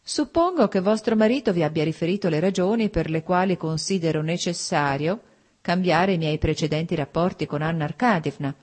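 A woman's voice: fairly low pitch, brisk, a little mellow, lightly acted. A woman reading the part of a cold, formal husband in an audiobook, speaking in a restrained, clipped way. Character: cold, stiff, wounded older husband.

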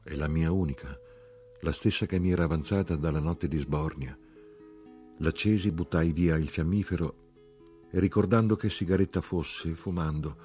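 A man reading a literary novel aloud in an expressive, measured storytelling manner. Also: sits low. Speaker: reader. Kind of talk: literary audiobook narration.

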